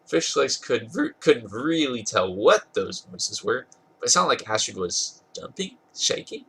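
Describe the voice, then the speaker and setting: Reading a comic fan fiction story on his podcast, a man gives an amused, dramatic performance, now and then tripping over words and fixing them. His husky, congested voice is medium-pitched, expressive, fairly bright, and unhurried.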